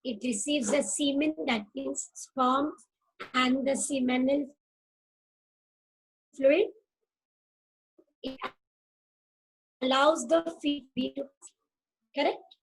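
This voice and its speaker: A woman teacher lectures an online class in a high, gravelly voice. She talks very slowly and patiently, repeats key terms and checks that the class follows. Faint noise sits under her computer microphone. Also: steady tone, rough recording. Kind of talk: online class lecture mixing Hindi and English.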